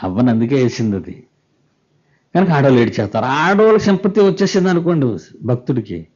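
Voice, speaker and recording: A male pastor preaching a sermon. He often puts rhetorical questions to the congregation and reads scripture slowly and with weight. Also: medium pitch, sing-song, a little mellow, lo-fi sound.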